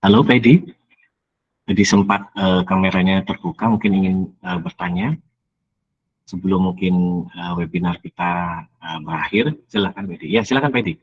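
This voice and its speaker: A man's voice: low voice, normal speed, long pauses, a little hiss or hum. A man moderating an online webinar and politely calling on participants by name. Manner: polite, calls on speakers by name. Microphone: video call. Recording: dull lo-fi online call audio.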